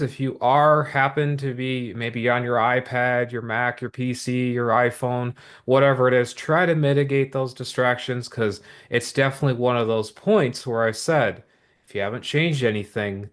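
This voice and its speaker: This is an upbeat sales pitch: a man promotes a business opportunity to viewers online, energetic and steady. His voice is middle-pitched for a man, and he repeats his points often, slipping in asides and rhetorical questions.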